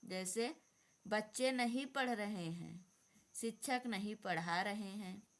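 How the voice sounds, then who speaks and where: A woman's voice: medium pitch, takes it slowly. A woman teacher giving an exam-prep grammar lesson, dictating definitions and repeating them.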